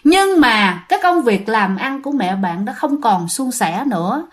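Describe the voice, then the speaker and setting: A woman with a Southern Vietnamese accent telling a ghost story, animated and often addressing her listeners directly. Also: on the high side, measured pace.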